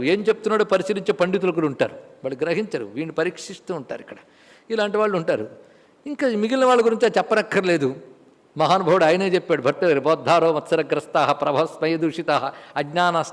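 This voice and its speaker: A man with a Telugu accent delivers a spiritual discourse in a high, ringing voice. He moves between storytelling and slow, chanted Sanskrit verses. His voice trails off into a long hall echo. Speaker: Gita discourse speaker.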